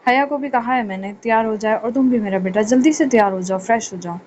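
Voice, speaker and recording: A woman's voice: a little high, fast talker, darkish tone, dull audio, a little hiss or hum, natural voice. A woman reading an audio novel, voicing an affectionate middle-aged mother who coaxes her son. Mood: coaxing. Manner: coaxing, fond.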